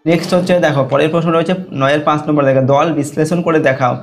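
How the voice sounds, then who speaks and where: A man's voice: on the high side, steady tone, racing, soft background music. A male teacher, working through exam questions and dictating the answers, often checking whether the class is following.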